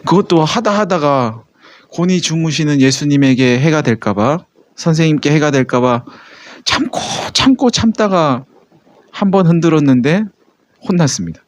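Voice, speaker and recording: A man's voice: fairly high pitch, animated, normal speed. A man, a pastor, preaching a sermon in a conversational way, with many rhetorical questions to the congregation.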